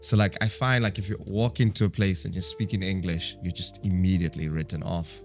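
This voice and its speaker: On a talk show, this guest talks briskly in a deep, steady voice over soft background music. His East African accent comes through as he converses casually and reflectively, chatty and peppering his English with Swahili.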